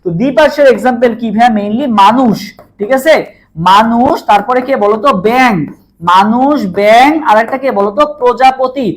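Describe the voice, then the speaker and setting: A man's voice: extremely high pitch, fairly quick. A man teaching a live online exam-prep class, who asks questions, answers them himself and repeats key terms again and again. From Bangladesh.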